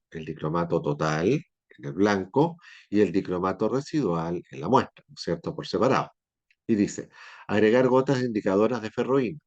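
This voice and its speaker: Low-voiced chemistry teacher lecturing. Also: male voice, darkish tone, muffled recording. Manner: explanatory, checks in with students often. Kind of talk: classroom lecture. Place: classroom.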